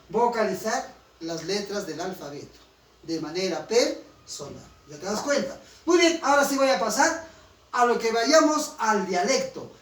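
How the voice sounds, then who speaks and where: A man with a Peruvian Spanish accent from Huancayo, teaching a class in an emphatic way and often asking students to confirm. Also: very high-pitched. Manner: emphatic, keeps checking with students. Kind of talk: classroom lecture. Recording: roomy, distant, faint room noise.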